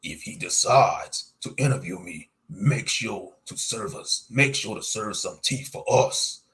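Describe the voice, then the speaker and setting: A man voicing a blunt, teasing, hairy Sasquatch with slow, drawn-out, bellowing talk in a narrated monster story. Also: on the low side, animated, a bit bright, rough recording. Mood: eager. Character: hairy male Sasquatch creature, blunt, teasing, tea-loving.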